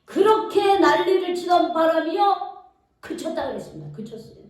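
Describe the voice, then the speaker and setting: A woman's voice: extremely high pitch, expressive, normal speed, darkish tone. A woman preacher giving a sermon, telling a story vividly and quizzing the congregation as she goes. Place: church sanctuary. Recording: echoey hall, mic from far off.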